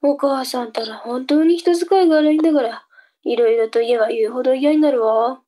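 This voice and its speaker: Cheeky kid sister for comic reading drama, played by a woman: high, cute anime-girl voice, sulky edge. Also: fairly quick, dark tone, close to an everyday voice.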